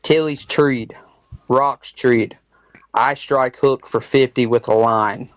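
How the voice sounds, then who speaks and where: A man's voice: medium pitch, steady tone, takes it slowly, no echo. Plainspoken man guest, dry sound. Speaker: podcast guest. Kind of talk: casual chat, storytelling.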